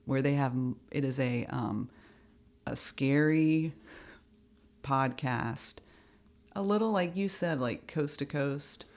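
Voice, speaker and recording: A woman's voice: extremely low pitch, slow, pauses often, darkish tone. A woman co-hosting a podcast in casual, playful chat, free-associating and laughing often. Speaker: podcast co-host.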